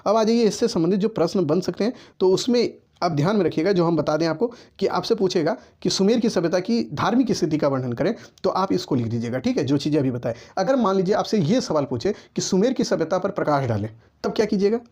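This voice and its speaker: Speaking fast in a high, animated, slightly mellow voice, a male teacher runs an exam-focused history lesson. He addresses students directly with writing instructions and repetitively checks in with "ठीक है" (okay).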